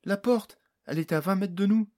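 A man's voice: mid-range voice, very animated, fairly quick, a little mellow, breathy edge. A male narrator voicing a small, anxious female fairy in a storybook. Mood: alarmed.

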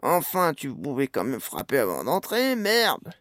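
A cheeky, easygoing gnome, as a man reads him, slangy and unbothered, a touch higher than the narration. The voice has a gravelly grain and sits close and dry. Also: sing-song, measured pace, dry recording. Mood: annoyed. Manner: casual, cheeky.

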